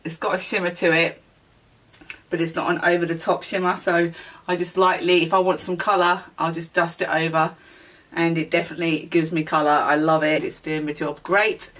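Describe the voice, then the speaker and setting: A woman beauty vlogger in a relaxed, chatty product review, with plenty of ums and small self-corrections. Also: on the low side, moderate pace, far from the mic. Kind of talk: casual product review chat.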